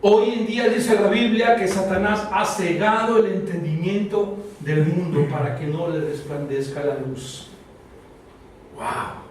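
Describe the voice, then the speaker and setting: High-voiced man preaching in an echoey hall. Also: unhurried, a little hiss or hum. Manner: asks the congregation questions and calls out for responses. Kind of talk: sermon. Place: church hall. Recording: echoey hall, mic far off.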